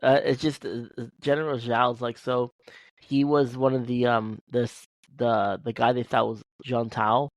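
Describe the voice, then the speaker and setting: A man's voice: medium pitch, flat delivery, normal speed, dry recording, poor audio. A man co-hosting a casual podcast, rambling with many restarts and fillers. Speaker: podcast co-host. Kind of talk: casual chat.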